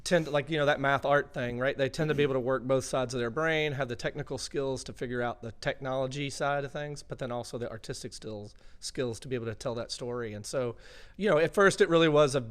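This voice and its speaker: A man as a podcast guest, explaining his work thoughtfully and filling pauses with asides. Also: mid-range voice, smooth. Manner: thoughtful, explaining with many fillers. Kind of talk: casual interview chat.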